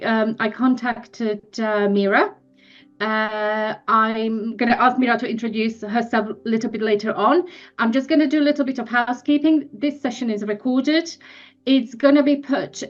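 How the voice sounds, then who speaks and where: A woman hosting an online seminar, opening it hesitantly with many fillers over a video call. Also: on the high side. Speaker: seminar host. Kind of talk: introducing a seminar. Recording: dull lo-fi video call audio.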